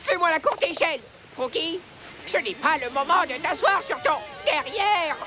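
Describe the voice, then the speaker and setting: A woman's voice: very high-pitched, lively intonation, normal speed, music in the background. A woman voicing a boastful little male cat in a children's cartoon, with theatrical exclamations. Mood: excitable, boastful.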